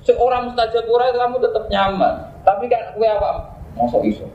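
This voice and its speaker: A man with a Javanese accent giving an informal religious lecture, joking with listeners and slowing down to recite Arabic verses. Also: very high voice, steady tone, roomy sound, highs cut off. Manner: jokey, mixing Javanese chatter with slow Arabic recitation. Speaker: Islamic cleric teaching a classical text.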